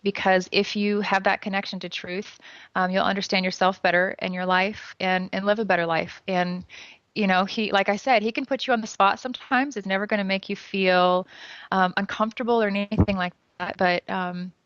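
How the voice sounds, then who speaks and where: A woman's voice: medium pitch, fairly even intonation, a little fast, a bit bright, no room sound. A woman who works as a psychic medium, talking earnestly and gushingly in casual chat with many fillers. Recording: dull dry lo-fi sound.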